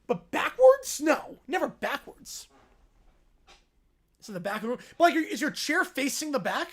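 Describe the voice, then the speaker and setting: Excitable woman streamer, high voice all over the place, poking fun at what she watches. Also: normal speed, husky. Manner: excitable, mocking, repeats phrases gleefully. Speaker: livestream host reacting to videos. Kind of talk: casual reaction commentary.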